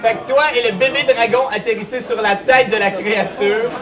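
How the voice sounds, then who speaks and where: A young man with a Quebec French accent, narrating a live tabletop game as game master in a lively, laughing way. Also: very high voice, fairly quick, a crowd in the background. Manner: lively, animated storytelling, laughing often. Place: large hall before a live audience. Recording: distant mic, roomy hall, audience laughter.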